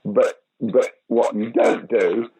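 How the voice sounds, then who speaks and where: A British actor and director in his sixties chats casually in an interview about his acting career, his mid-range voice mellow and steady as he takes things slowly. He tells stories animatedly, often restarting and imitating the voices of people he quotes. The recording is rough, with a little hiss or hum.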